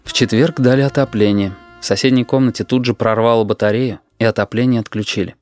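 A man reading an audiobook in a measured, even storytelling manner. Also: medium pitch, soft background music. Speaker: audiobook narrator. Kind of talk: scripted narration.

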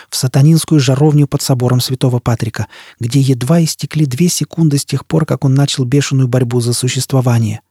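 Dark, husky male audiobook narrator. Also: mid-range voice, no echo. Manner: steady, measured reading. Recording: dry, close studio sound.

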